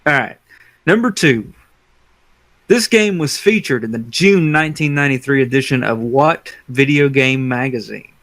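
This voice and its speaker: A man co-hosting a casual podcast, reading out trivia questions and answer options slowly and deliberately. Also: mid-range voice, expressive, a bit bright, no room sound, low-quality recording. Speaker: podcast co-host running a trivia quiz.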